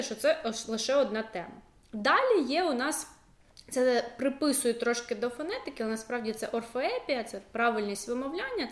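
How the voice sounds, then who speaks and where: A woman's voice: a little high, roomy sound. A young adult woman teacher, explaining a school subject in a casual, chatty way with many fillers and asides.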